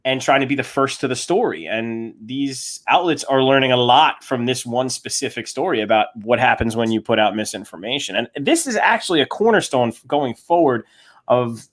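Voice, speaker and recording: A man co-hosting a casual podcast chat, animated and joking. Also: medium pitch, normal speed. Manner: animated, joking, puts on silly voices. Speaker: podcast co-host.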